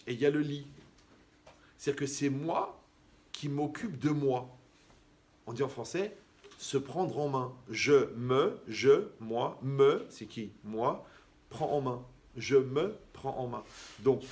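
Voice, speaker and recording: A man giving a lively, conversational sermon as a rabbi, who acts out the people he quotes. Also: medium pitch. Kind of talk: animated sermon.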